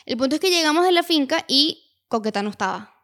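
Woman, 20s, podcast co-host; slightly high, slangy casual storyteller. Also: lively intonation, quick pace, a bit bright. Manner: chatty storyteller, slangy and laughing. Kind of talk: casual chat.

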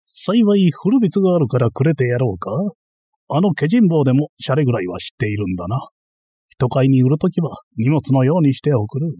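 A man's voice: medium pitch, animated, fairly quick, mellow, slightly rough, no room sound. A man voicing a boastful, bumbling self-styled master thief in a dramatized period-novel reading, ranting and easily flustered. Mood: baffled.

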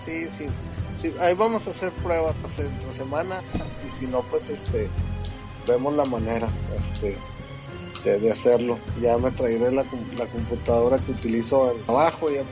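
A man's voice: medium pitch, moderate pace, music in the background, rough recording. A man, co-hosting a podcast in casual chat and reacting with slangy exclamations. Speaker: podcast co-host.

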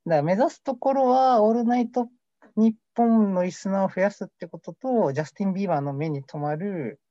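Talking fast in a high voice with a dark tone, this young amateur co-host rambles through a casual mock radio show and jokes about himself. The dull lo-fi recording is dry.

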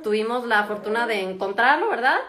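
Mexican woman, doctor, casual home vlog, chatty, lots of fillers, highish voice, faint background noise. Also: expressive, a little fast. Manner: chatty, laughs often, many fillers. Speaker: doctor and vlogger. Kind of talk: casual chat to viewers. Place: her home in Germany. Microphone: phone camera.

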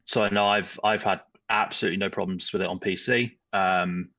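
A man's voice: sits low, steady tone, brisk, sharp tone. A young man on a podcast, talking in casual chat with many ums and an earnest, hesitant manner.

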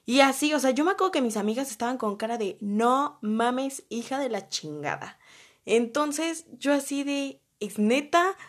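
A young woman with a Mexican Spanish accent telling a personal story in a casual, animated way, full of slang and acted-out quotes. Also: high-pitched, moderate pace.

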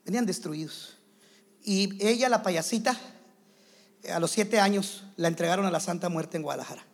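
A man preaching a sermon to church leaders, animated and playing out quick scenes in other voices. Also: high-pitched. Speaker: pastor.

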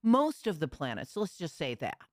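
Low-voiced woman astrologer, dry sound. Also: huge pitch swings, brisk, dry recording. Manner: digressive, self-correcting, frank. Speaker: astrologer and host. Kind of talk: conversational explanation.

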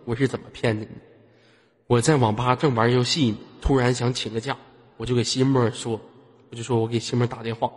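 A man's voice: mid-range voice, fairly even intonation, fairly quick, slightly rough. A man hosting a live voice-chat room, teasing and playful as he banters. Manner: teasing, playful, laughs often. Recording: reverberant with loud background noise.

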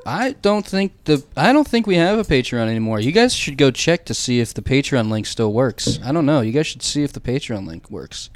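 Rambling, halting male podcast co-host. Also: medium pitch, very animated. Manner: halting, rambling, stumbling over words. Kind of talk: casual comedic podcast chat.

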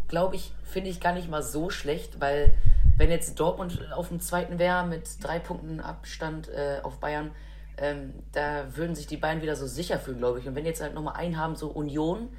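Low-voiced chatty woman, casual chat. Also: steady tone, moderate pace, darkish tone, slight background noise. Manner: enthusiastic, chatty, many fillers. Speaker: football podcast co-host.

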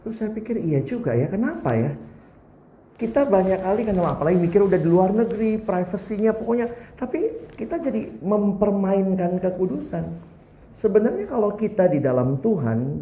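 A man preaching a sermon, humorous and animated, putting questions to the congregation. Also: sits high. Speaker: pastor. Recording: roomy, slightly dull, faint background noise.

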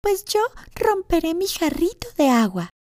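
Woman doing a little storybook girl, really high and earnest. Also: very animated, a little slow, dark tone, no room sound, clean studio sound, exaggerated voice. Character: young girl carrying a water jug, earnest.

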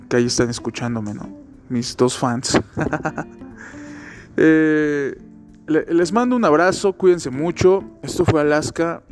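A man's voice: on the high side, a little mellow. A hungover man with a Mexican Spanish accent hosts a solo podcast, rambling casually and jokily in crude slang. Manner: informal, crude slang, joking.

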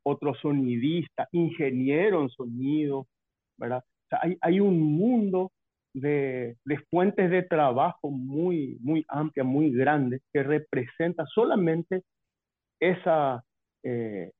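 A man with a Paraguayan Spanish accent, speaking as a guest on a bad connection, unhurried and full of hesitations. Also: fairly high pitch, dry recording. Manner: measured, with many hesitations and tag questions. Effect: bad connection on a call. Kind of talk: casual remote conversation. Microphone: call from a distance. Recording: muffled, phone-like call line.

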